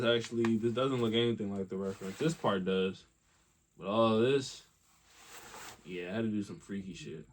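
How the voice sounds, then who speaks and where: A man's voice: on the low side, slight background noise. A young man talking casually about his sketches, rambling with lots of fillers and casual swearing. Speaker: artist vlogger.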